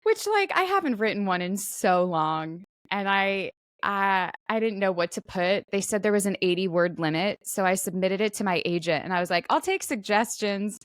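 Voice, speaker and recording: A podcast co-host who is also a stage actor banters casually, talking about herself in a self-deprecating, conversational way. Her middling voice has lively intonation and a moderate pace, and the recording is very dry with no room sound.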